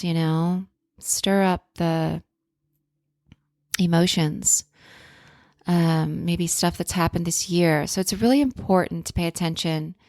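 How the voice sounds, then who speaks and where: A woman's voice: lowish voice, darkish tone, dry recording, studio quality. A woman hosting a podcast in a self-help influencer style, speaking casually and earnestly with spiritual encouragement and affirmations.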